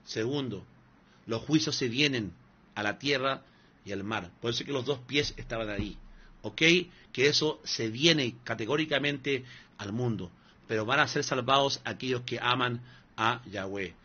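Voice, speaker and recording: Sharp, husky-voiced pastor preaching a sermon. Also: male voice, medium pitch, moderate pace, highs cut off. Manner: scolding, emphatic, mocking asides, repeats "hermano".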